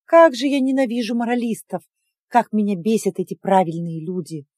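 Audiobook narrator: woman, first-person, expressive, mellow, dry close recording. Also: medium pitch, normal speed, dry recording, faint music behind. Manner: expressive, emotional storytelling.

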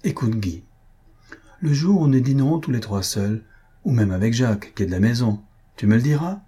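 A man reading aloud, voicing an elderly mother who chides her son in a husky, dark voice. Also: medium pitch, expressive, moderate pace. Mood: reproachful. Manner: wry, chiding. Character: elderly dowager mother, worried, reproachful.

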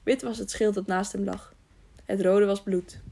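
A woman's voice: mid-range voice, fairly even intonation, normal speed, creaky, dark tone. A woman narrating an audiobook, stumbling now and then and correcting herself. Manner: frequent slips and self-corrections. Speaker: audiobook reader. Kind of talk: scripted narration.

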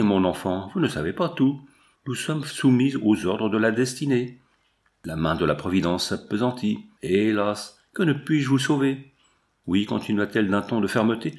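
Man reading as a gentle pious princess. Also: mid-range voice, lightly acted. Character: noble middle-aged princess, gentle and pious.

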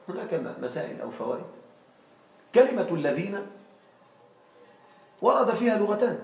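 A male teacher with a slightly high voice leads a classroom grammar lesson and keeps stopping to quiz his students. He sounds set back from the microphone, and his voice carries through a roomy, echoing space. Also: a little hiss or hum. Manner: quizzing students with frequent check questions. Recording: echoey room, far from mic.

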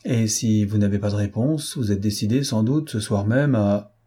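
A man's voice: fairly low pitch, normal speed, warm tone, slightly rough. A man voicing Prince Cernine, cold and scornful. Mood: haughty. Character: haughty, mocking rich male prince, cold schemer. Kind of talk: audiobook character voice.

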